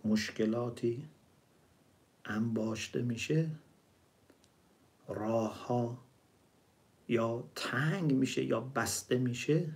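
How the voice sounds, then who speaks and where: A man giving a religious storytelling sermon, explaining word meanings and reciting verses slowly. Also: medium pitch. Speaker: preacher.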